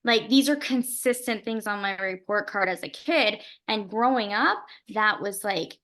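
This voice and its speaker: A woman co-hosting a podcast in casual conversation. She speaks openly and earnestly in long, winding stretches. Her voice sits at a middle pitch. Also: measured pace, fairly bright tone. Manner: earnest, open, talks in long rambling runs. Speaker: podcast co-host. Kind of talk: casual chat.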